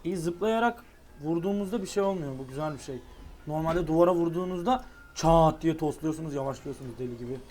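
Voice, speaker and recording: A young man giving casual, excitable commentary while playing a racing game online. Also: fairly high pitch, fast, a little hiss or hum. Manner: excitable, exclaims at near misses. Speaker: gaming YouTuber.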